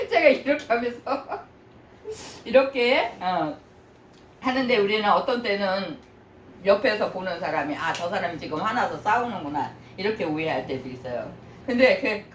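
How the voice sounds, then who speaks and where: A woman's voice: a little high, slight background noise. An older woman pastor preaching in a chatty way, often asking the congregation questions and laughing. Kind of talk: sermon. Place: church sanctuary. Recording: echoey church from a distance.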